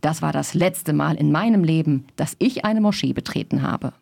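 A woman reading the lines of a skeptical, sharp-tongued mother in a novel excerpt. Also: deep voice, animated, moderate pace, vocal fry, dry recording, studio quality, heavily acted. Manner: incredulous.

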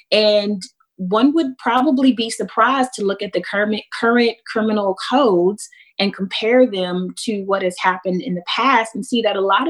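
A panelist with an American accent, a woman with a medium-pitched voice, explains things in a measured way and stresses key words.

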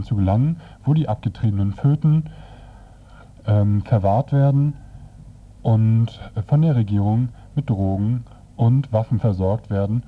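A radio presenter with a husky, mid-range voice recounts a comedian's story, sounding dry, hesitant, and partly improvised. The recording is dull and lo-fi.

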